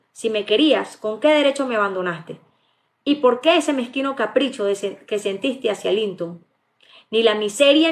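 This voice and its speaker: A woman reading the part of a fierce, anguished young lover in a live audiobook, with stumbles and restarts. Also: on the high side. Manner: read aloud plainly, with stumbles and restarts.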